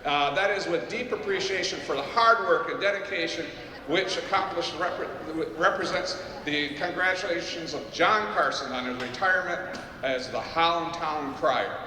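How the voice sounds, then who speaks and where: A man's voice: a little high, moderate pace, sharp tone. A man giving public ceremonial remarks as a guest official, with formal wording and a modest, hesitant delivery. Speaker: guest official presenting a proclamation. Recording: very echoey reverberant space.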